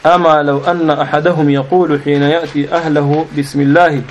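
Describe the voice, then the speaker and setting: A man with a Sudanese Arabic accent reading hadith aloud to his teacher in a quick, level recitation, sometimes restarting a word. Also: on the high side, highs cut off, a little hiss or hum. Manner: fast, even reading with small restarts.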